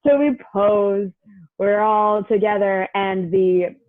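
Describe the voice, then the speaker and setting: A young woman guest tells a loose, casual story at a slow pace, leaning on "like" and acting out others' words. Her mid-range voice comes over a thin, tinny, phone-like line without room echo.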